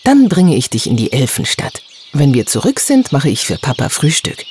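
A man's voice: medium pitch, wildly swooping pitch, normal speed, darkish tone, a little hiss or hum. A man voicing a curious, kind young girl who asks eager questions.

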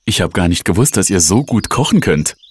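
A man voicing a kind, cheerful mother in a read-aloud storybook, speaking pleased and gentle above his deep voice. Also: big pitch swings, fairly quick, slightly rough, full character voice. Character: warm cheerful mother of two children.

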